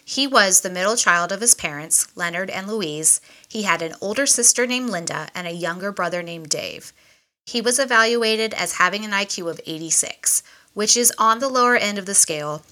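A woman's voice: mid-range voice, normal speed, sharp tone. A woman co-hosting a true-crime podcast, reading from notes in a chatty way with casual asides. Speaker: podcast co-host.

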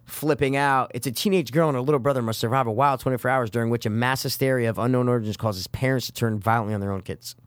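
A young adult man co-hosting a podcast, chatting casually with a friend in slangy, sweary, animated storytelling. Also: mid-range voice, fast, few pauses, no room sound. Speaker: podcast co-host. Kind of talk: casual banter between friends.

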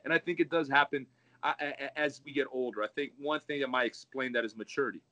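Coach guy musing out loud, kinda sharp bright voice, repeats himself a lot. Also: medium pitch, steady tone, fast talker, dull audio. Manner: reflective, repeats words while searching. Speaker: jiu-jitsu coach. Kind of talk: casual chat.

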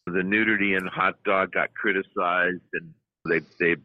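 Deep-voiced man telling stories. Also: moderate pace, no room sound, highs cut off. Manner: animated anecdotes, many restarts. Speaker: film writer and producer, guest. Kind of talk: storytelling interview.

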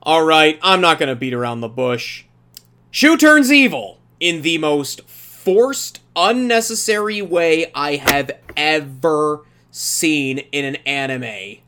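A fairly high-pitched man with lively intonation takes his time as he hosts a casual anime review podcast, music running in the background. He voices strong opinions emphatically and mock-quotes people as he retells what happened.

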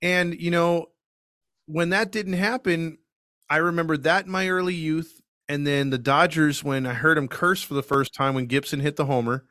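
A man's voice: fairly high pitch, fairly even intonation, normal speed, bright, forceful tone, no echo, clean studio sound. A man in his forties co-hosting a podcast, recalling memories in casual chat. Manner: reminiscing, conversational. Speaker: podcast co-host.

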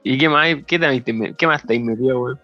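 A young man with a Chilean accent in casual chat, joking and relaxed, full of slang. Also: mid-range voice, fairly quick, faint music behind. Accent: Chilean Spanish. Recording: dull lo-fi recording.

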